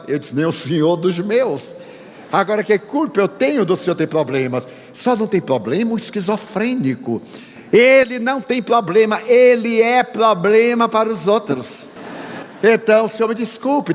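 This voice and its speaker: An older man from Bahia tells a story in a spiritist lecture, playful and humorous as he acts out both sides of the dialogue. His voice sits high for a man. The sound carries a long reverb from a large hall. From Bahia, Brazil. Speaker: spiritist speaker. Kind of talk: sermon-style lecture with anecdotes.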